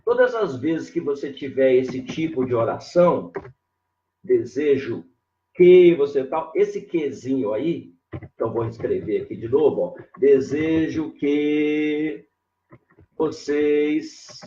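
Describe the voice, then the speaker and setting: A man's voice: medium pitch, expressive, measured pace, warm tone. A man teaching grammar in a live online lesson, drawing out key words, repeating "ó" as he points things out, and greeting viewers by name. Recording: echoey room, dull lo-fi sound.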